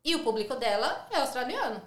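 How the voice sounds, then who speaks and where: This São Paulo-born woman, a guest on a casual interview podcast, speaks Brazilian Portuguese with a São Paulo accent and a chatty habit of tag questions. Her voice sits high with big pitch swings and a slightly fast pace, and the recording has a roomy echo.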